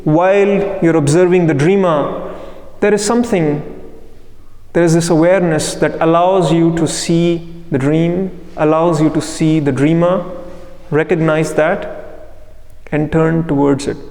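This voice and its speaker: Male meditation guide, very slow delivery with pauses, recorded in an echoing room. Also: fairly high pitch, a little mellow. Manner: unhurried phrasing with frequent pauses. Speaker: meditation teacher. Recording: echoey room with long reverb.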